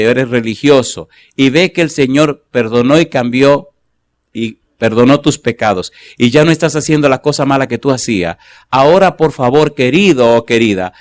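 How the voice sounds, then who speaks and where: A middle-aged man preaching a sermon to a live church audience, telling a story and asking rhetorical questions. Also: mid-range voice. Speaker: pastor.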